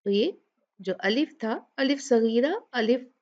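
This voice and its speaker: Slow, patient woman teaching Quranic recitation. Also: fairly high pitch, lively intonation, a little mellow, lo-fi sound. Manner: patient, asks questions then answers them, draws out example words slowly. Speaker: Tajweed teacher. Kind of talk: slow explanatory lesson with recited examples.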